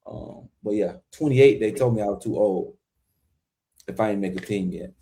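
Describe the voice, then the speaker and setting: A man in his forties who used to play football tells stories in loose podcast chat. He gets animated and emphatic, with sudden punchy outbursts. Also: lowish voice, normal speed. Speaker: podcast co-host, former pro football player. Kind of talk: casual chat.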